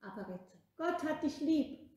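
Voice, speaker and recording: A woman voicing a kind, patient old bishop in a children's story, coaxing and gentle. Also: sits high, lively intonation, moderate pace, pitched above the performer's own voice. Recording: echoey room.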